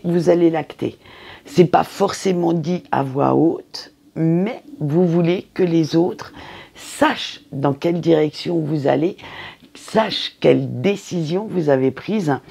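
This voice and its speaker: A tarot card reader giving a casual weekly reading, chatty and unhurried with frequent hesitations. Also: mid-range voice, vocal fry, dark tone, breathy edge.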